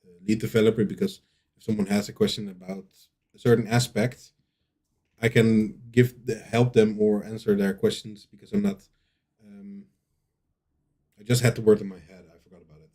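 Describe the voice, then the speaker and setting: Hesitant lead developer man, dark voice. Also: on the low side, flat delivery, moderate pace, long pauses. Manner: hesitant, many fillers and restarts. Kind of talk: casual Q&A answers.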